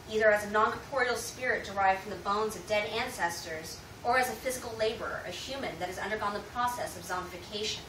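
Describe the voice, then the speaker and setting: An American woman gives a prepared informative speech to an audience in an indoor room, presenting in a formal, rhetorical style. Her mid-range voice is far from the mic, captured from afar in an echoey room with loud noise.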